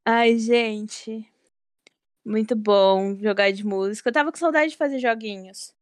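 A woman's voice: a little high, a little slow, no echo, clean studio sound. A young woman co-hosting a podcast, chatting casually with lots of exclamations. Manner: exclamatory, animated. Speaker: podcast co-host. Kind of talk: casual chat.

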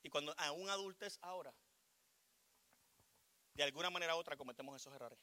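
A middle-aged man with a Puerto Rican accent preaching a sermon, shifting from loud declarations to quiet asides. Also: fairly high pitch, fairly quick. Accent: Puerto Rican Spanish. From Puerto Rico. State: short of breath. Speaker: pastor.

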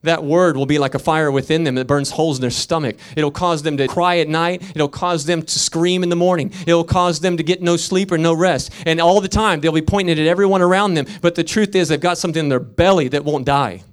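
A man preaching a sermon as a pastor, swinging from loud emphatic peaks to quiet storytelling, with rhythmic repetition. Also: on the high side, fairly even intonation, brisk, hardly any pauses, smooth.

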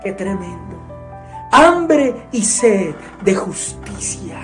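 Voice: medium pitch, very animated, extremely slow, fairly bright tone, soft background music. A preacher giving a sermon in an earnest, emphatic way, often asking the listeners questions.

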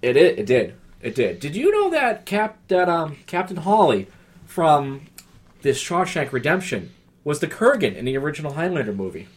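A man's voice: a little high, big pitch swings, moderate pace, husky, rough recording. A man from New England, co-hosting a casual chat and rambling through sports trivia with jokes and the odd swear. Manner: rambling, jokey, swears, trails off into mumbles. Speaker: podcast co-host.

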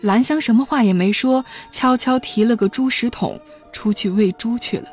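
Female audiobook narrator, steady storytelling, faint background music. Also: on the high side, moderate pace, breathy edge. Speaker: audiobook reader. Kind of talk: novel narration.

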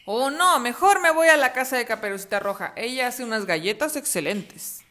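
A woman's voice: fairly high pitch, lively intonation, normal speed, bright, forceful tone. A woman voicing a blustering big bad wolf in a children's storybook reading, growling, huffing and laughing theatrically. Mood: grumbling.

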